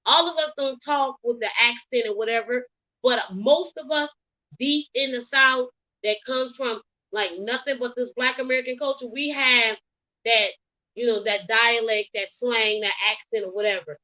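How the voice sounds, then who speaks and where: A woman's voice: on the high side, moderate pace, pushed and bright, muffled recording. A woman from the US South with a Geechee accent, rambling through opinionated celebrity gossip commentary with lots of ums and you knows. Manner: opinionated, rambling, many fillers like um and you know. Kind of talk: casual commentary vlog.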